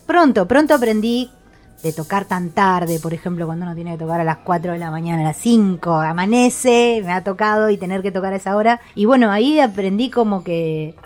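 A woman's voice: mid-range voice, expressive, darkish tone. A woman musician with a Rioplatense accent, speaking reflectively in an interview, thinking aloud with frequent restarts. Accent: Rioplatense Spanish. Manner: thoughtful, halting, with many restarts.

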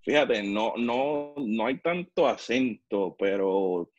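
A man's voice: medium pitch, lively intonation, takes it slowly, highs cut off. A man from Puerto Rico with a Puerto Rican Spanish accent, a podcast guest telling stories in a blunt, slangy way. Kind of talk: casual storytelling conversation.

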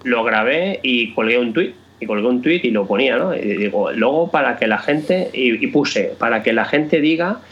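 Brief: man, casual podcast co-host, halting and repetitive, a bit muffled. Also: medium pitch, lively intonation, a bit bright. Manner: hesitant, repeats words and restarts often. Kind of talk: casual tech chat.

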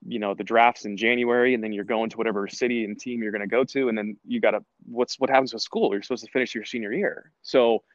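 A man's voice: mid-range voice, steady tone, fast talker, hardly any pauses, dry recording, highs cut off. A man, a former college soccer player, telling his story in a casual interview with lots of restarts and fillers. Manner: rambling, many restarts and filler words.

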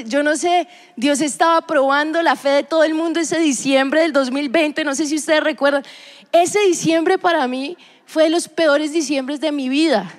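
High-voiced woman telling a lively testimony. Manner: lively, expressive storytelling with acted-out quotes. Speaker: speaker at a church gathering. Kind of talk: personal testimony.

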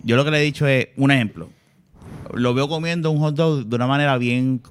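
A man's voice: medium pitch, a little fast, clear, resonant tone. A man with a Puerto Rican accent in a casual chat, talking bluntly and plainly.

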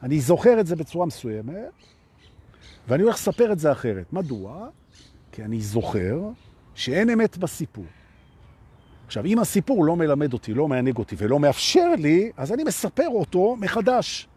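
A man coaching a live audience in a motivational self-help talk. His voice is rough and husky, set fairly high for a man, and it swings widely in pitch. He keeps repeating phrases and speaking straight to his listeners. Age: adult with a son. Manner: animated, repeats phrases, addresses listeners directly. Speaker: coach leading a live online session.

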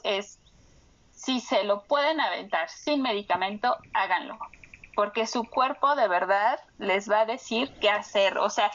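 A woman's voice: fairly high pitch, lo-fi sound. Earnest woman acting out quotes. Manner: earnest, acts out remembered speech in lively bursts. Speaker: guest recounting a home birth. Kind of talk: casual personal account.

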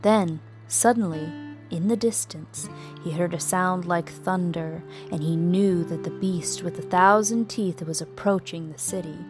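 A woman narrates a scripted children's story with expressive, dramatic flair, her voice on the low side and unhurried, with music playing underneath.

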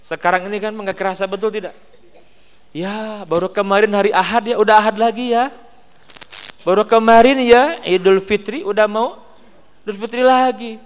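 A man with a West Javanese accent giving a lively sermon, joking and asking the congregation questions. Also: high-pitched, normal speed, clean tone, big-room sound. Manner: animated, teasing, asks the crowd questions. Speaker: preacher. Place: mosque hall.

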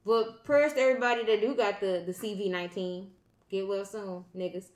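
A woman's voice: mid-range voice, fairly even intonation, a little fast. Muffled, sniffly woman podcast host in echoey room. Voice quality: muffled by a face mask. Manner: playful, slangy. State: runny nose, sniffles. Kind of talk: casual group banter. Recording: roomy, echoing room sound.

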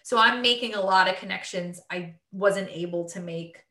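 A woman's voice: medium pitch, moderate pace, pushed and bright, echoey room. A woman in her late twenties on a podcast, chatty and laughing, with lots of fillers. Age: 20s. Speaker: podcast co-host. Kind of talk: casual chat.

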